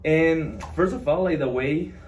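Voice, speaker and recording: This young Mexican podcast host, a native Spanish speaker, runs a casual interview in a slightly high, darkish voice at a measured pace. He sounds eager and keeps restarting his sentences. The distant mic picks up roomy echo and slight background noise.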